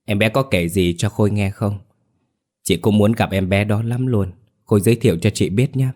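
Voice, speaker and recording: A man voicing a young mother who coaxes her brother gently and anxiously. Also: on the low side, moderate pace, natural voice. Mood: coaxing.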